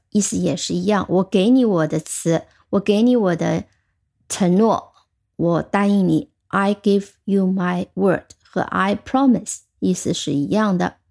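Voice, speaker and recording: A woman teaches English vocabulary in an unhurried, methodical way. Her voice is mellow and warm, and her pitch sits in the middle. She slows down to spell out and pronounce each English word with care. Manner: patient, explains step by step, slows down for English words. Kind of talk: vocabulary lesson.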